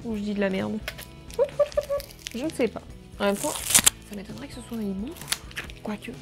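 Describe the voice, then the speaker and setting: A woman's voice: mid-range voice, fast, creaky, loud music behind the voice. A woman vlogger unboxing birthday gifts in a casual, jokey, exclamatory way, cursing now and then. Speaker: beauty vlogger.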